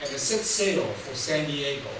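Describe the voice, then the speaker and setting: This older public speaker from Taiwan, a native Taiwanese speaker, delivers a humorous speech about his life and laughs at his own jokes. His mid-range voice swings widely in pitch at a moderate pace, heard from a distance in a roomy, noisy hall.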